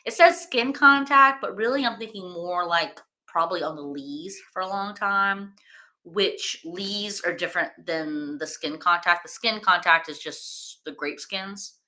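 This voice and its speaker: A woman hosts a casual wine-tasting stream, chatting in a loose, rambling way with plenty of fillers. Her voice sits a little low yet sounds bright and edged. She speaks with easy enthusiasm. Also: a little slow. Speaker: wine-tasting livestream host.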